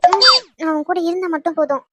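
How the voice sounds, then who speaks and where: A woman's voice: very high-pitched, fairly even intonation, quick pace, heavy background noise. A woman playing a sulky, proud young girlfriend in an audio drama romance. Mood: wistful. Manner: sulky, pouting.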